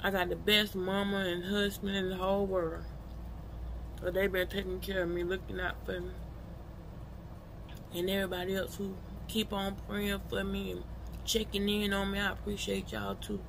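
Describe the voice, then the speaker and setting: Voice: mid-range voice, monotone, normal speed, vocal fry, noisy background. A person chatting casually and colloquially to followers while eating, talking with a mouth full of food. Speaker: vlogger.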